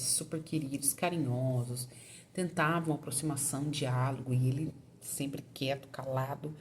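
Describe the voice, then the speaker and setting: A young adult woman, a mother, telling viewers a personal story in a casual way, raising her voice when she acts out what others said. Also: slight background noise. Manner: animated retelling, acting out quoted lines with raised pitch.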